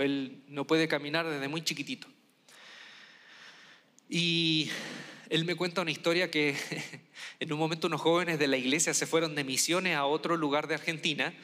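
A man's voice: fairly high pitch, fairly bright tone. A man from Chile giving a lecture-style talk, telling stories and repeating key points for emphasis. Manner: storytelling, emphatic repetitions. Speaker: speaker. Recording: long hall reverb.

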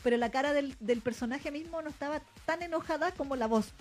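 A woman's voice: high-pitched, fast, soft background music. A Chilean woman co-hosting a podcast who explains and insists on her points in casual chat. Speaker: podcast co-host. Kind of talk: casual anime review chat.

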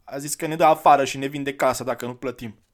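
A man voicing a thin, ragged village boy of seven or eight who is sullen and distrustful, in a raised, shouting child voice. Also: mid-range voice, steady tone, voice pushed up, close to an everyday voice.

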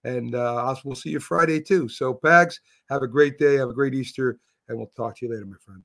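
A man's voice: medium pitch, fairly even intonation, a little fast, vocal fry, fairly bright tone. A man hosting a sports talk show, addressing listeners in an upbeat way. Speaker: host. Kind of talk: show host wrap-up.

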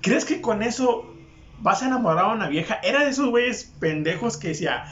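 A man's voice: high voice, expressive, a little fast, fairly bright tone, slight background noise. A young man with a Mexican accent telling a crude personal anecdote in casual, profane, mocking talk. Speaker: storyteller. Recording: echoey room, dull lo-fi sound.

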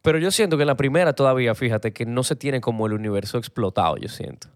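A man's voice: mid-range voice, animated, fast talker, no room sound. Dominican man chatting, close dry sound. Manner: slangy storytelling, often says "loco". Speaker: podcast co-host. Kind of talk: casual film podcast chat.

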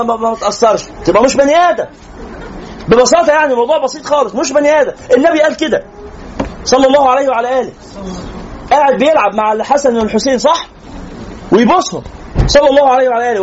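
A man's voice: very high-pitched, dull audio, slight background noise. A man with an Egyptian accent preaching to young people, joking and teasing the audience as he tells stories. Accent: Egyptian Arabic.

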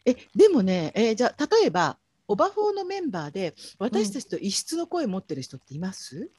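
Playful husky-voiced woman podcast host. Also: mid-range voice, sing-song, brisk, darkish tone, no room sound. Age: 40s. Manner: playful, laughs often. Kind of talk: casual chat.

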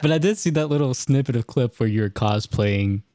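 A man's voice: mid-range voice, expressive, normal speed, dark tone, no room sound, studio quality. A man hosting a podcast interview, asking questions in a laid-back way and laughing often. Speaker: podcast host. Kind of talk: casual interview chat.

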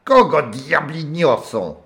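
A man voicing a gruff, hoarse old retired river captain who barks and swears. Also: fairly high pitch, very animated, slow, fairly bright tone, pitched above the performer's own voice, full character voice. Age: older. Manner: gruff, barking, swears a lot.

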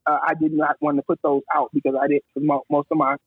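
Husky man on a tinny phone line. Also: fairly high pitch, fast, no room sound. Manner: animated, acts out quoted dialogue. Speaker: photographer, guest. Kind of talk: casual storytelling.

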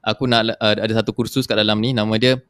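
A middle-aged man with a Singaporean accent co-hosting an informal live-stream chat, explaining things haltingly with repeated words and switching into English. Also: on the low side, flat delivery, a bit bright, clear, resonant tone, no echo, clean studio sound. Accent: Singaporean Malay-speaking. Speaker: co-host presenting online Islamic courses.

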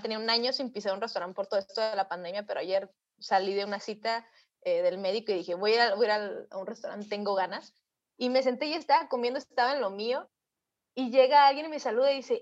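Upbeat woman on a dull video call. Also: fairly high pitch. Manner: lively storyteller, acts out quotes. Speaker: psychologist guest. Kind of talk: casual interview answers.

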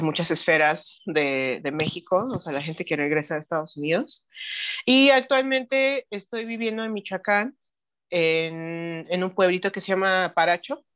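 Unhurried woman, muffled lo-fi. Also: sits low, fairly bright tone, smooth. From Mexico City, raised in Tennessee. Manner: unhurried, many fillers and restarts, mixes in English words. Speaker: podcast guest. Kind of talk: casual chat. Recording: dull lo-fi sound.

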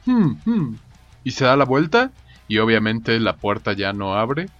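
A man's voice: lowish voice, animated, moderate pace, fairly bright tone, highs cut off, faint music behind. A Mexican man retelling a film in casual chat, with crude, slangy storytelling.

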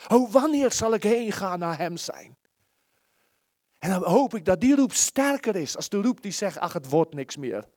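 A man preaching a sermon in an earnest, pleading way, often restarting his words and shifting between loud and soft. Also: high-pitched, animated, a little slow, dry recording, clean studio sound. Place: church service, small room.

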